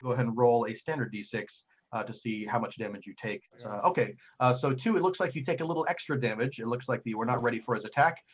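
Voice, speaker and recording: A man narrating a tabletop role-playing game as game master, animated and excitable, with frequent ums and uhs. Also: medium pitch, fast talker, muffled recording.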